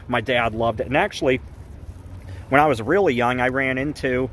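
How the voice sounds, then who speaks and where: This is an enthusiastic man talking to his viewers in an easy, meandering way, piling up one thought after another. His voice sits at an ordinary middle pitch for a man. A faint noise hums behind him. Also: moderate pace, a bit bright, low-quality recording. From Pittsburgh area, Pennsylvania. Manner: upbeat, rambling and reminiscing. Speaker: vlogger. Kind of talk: casual chat.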